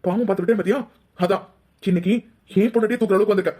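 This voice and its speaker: A rough cartoon thug, as a woman puts him on, speaking fast with a gruff, husky edge. He taunts and threatens. The voice sits in a middling register. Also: medium pitch, mellow, voice pushed down, lightly acted. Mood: menacing. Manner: menacing, taunting. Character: vicious young village man, a lecherous thug. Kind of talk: cartoon voice acting.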